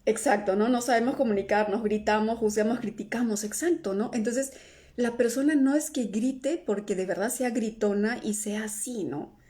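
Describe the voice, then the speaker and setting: Mellow-voiced woman coaching on a live stream. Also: fairly high pitch, normal speed. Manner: tags nearly every phrase with "¿no?" or "¿sí?"; answers viewer comments aloud. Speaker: emotional healing coach. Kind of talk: live-stream teaching talk.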